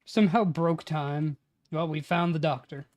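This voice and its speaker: A twenty-something man with a steady, slightly mellow voice on the high side, talking at a normal pace. On his casual livestream he works on a tabletop campaign, speaking phrases aloud as he types, and then chats and swears with friends.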